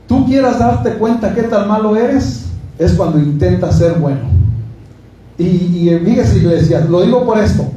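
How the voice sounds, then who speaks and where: A man preaches in a chatty, joking way, asking the congregation questions as he goes. His voice sits high and mellow. He is heard from a distance in a very echoey church hall, with faint noise behind him. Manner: conversational preaching, asks the congregation questions, jokes. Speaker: pastor. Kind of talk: sermon.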